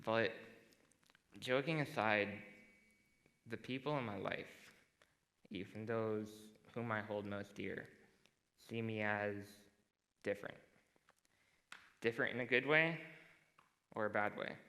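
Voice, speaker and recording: A teenage boy giving a prepared stage talk to a school audience, measured and dry, with a self-deprecating sense of humor. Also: lowish voice, sharp tone, poor audio. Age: teens. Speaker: student speaker.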